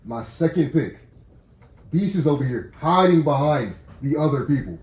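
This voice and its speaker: A man in a casual reaction chat, hesitant at times, then quick to tease. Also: a little high, expressive, a little mellow, far from the mic. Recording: echoey room.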